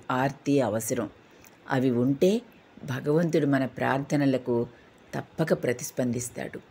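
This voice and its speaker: A woman narrating devotional stories in a steady, gentle reading style. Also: rumbling low, a little hiss or hum. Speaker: storyteller.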